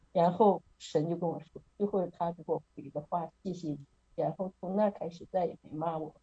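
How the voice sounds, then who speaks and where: A woman's voice: mid-range voice, warm tone, slightly rough, highs cut off. A middle-aged woman sharing an earnest, casual testimony at a prayer meeting over an online call, often laughing as she tells her story.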